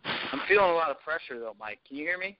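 A man calling in as a podcast guest, speaking into a phone held away from his mouth, so he sounds distant. He talks in a relaxed, plain-spoken way and chuckles now and then. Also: fairly high pitch, fast, dull audio.

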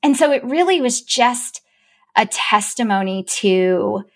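A woman guest in an interview, telling a personal story in a warm conversational way, her voice jumping high with excitement when she quotes herself. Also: takes it slowly. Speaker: chief operating officer.

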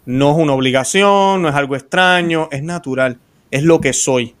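Hosting a faith-based interview program, this man from Puerto Rico has a fairly high voice and talks at an ordinary pace. His manner is warm, and he rambles, restarting often.

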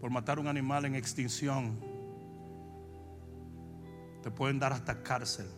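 A Dominican man preaching, telling comic stories and breaking into long shouted cries. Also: mid-range voice, steady tone, music in the background. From Dominican Republic. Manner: shifts from shouted, drawn-out preaching to fast, joking anecdotes. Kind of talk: comic sermon storytelling.

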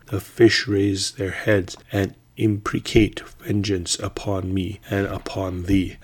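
A man reading a sultan who fakes a slave's voice, speaking low, hushed and at times in a whisper. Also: husky. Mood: weak.

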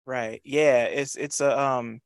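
A man's voice: mid-range voice, steady tone, vocal fry, smooth, dry recording, studio quality. A man talking casually in an interview, repeating words as he feels his way along, with loose slang and swearing. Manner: halting, repeats words, frequent "you know". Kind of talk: casual conversational interview talk.

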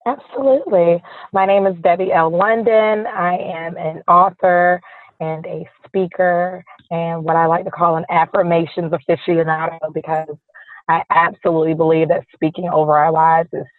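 Raspy, hoarse woman on a phone-like line. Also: on the low side, fairly even intonation, moderate pace, dry recording. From southern United States. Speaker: podcast guest, author and motivational speaker. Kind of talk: conversational interview.

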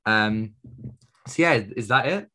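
A young man co-hosting a casual film podcast. He rambles along and keeps correcting himself as he wraps up an episode. His voice sits at an ordinary middle pitch. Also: slow pace, sharp tone. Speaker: podcast co-host. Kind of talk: casual chat.

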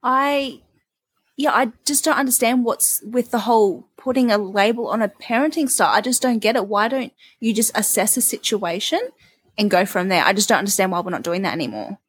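A woman's voice: mid-range voice, a little fast, breathy edge, no echo. A young woman co-hosting a parenting podcast, talking frankly and emphatically in a casual chat, with the odd swear word. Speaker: podcast co-host.

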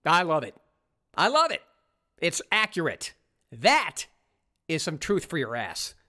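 A man's voice: on the high side, measured pace. A man hosting a talk show, delivering a sarcastic, opinionated commentary monologue. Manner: sarcastic, mocking, animated.

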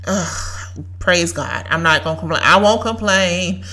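A woman's voice: on the low side, unhurried, bright, forceful tone. Emphatic woman preaching. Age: 30s. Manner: preachy, emphatic, repeats lines for effect. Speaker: podcast host. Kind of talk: faith-based motivational talk.

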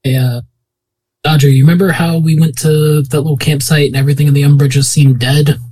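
A tabletop roleplaying player with a husky, mellow voice at a medium pitch. The delivery is casual banter, moving in and out of character. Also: flat delivery, brisk.

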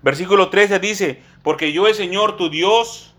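Slow emphatic Spanish-speaking male preacher. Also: high voice, fairly bright tone. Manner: addresses listeners as brothers, slow emphatic Bible reading. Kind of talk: sermon.

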